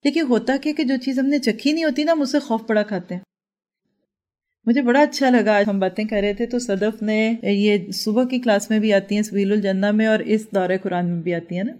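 A woman teaching a religious class to her students in person and online. She tells personal stories and keeps asking rhetorical questions to draw the listeners in. Her pitch and her range both sit in the middle. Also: darkish tone. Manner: storytelling with many rhetorical questions.

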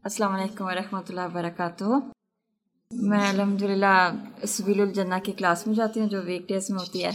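A woman student speaking up in her class to share a personal reflection. She talks earnestly and explains her point through a homely everyday comparison. Her voice sits at a middle pitch. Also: flat delivery.

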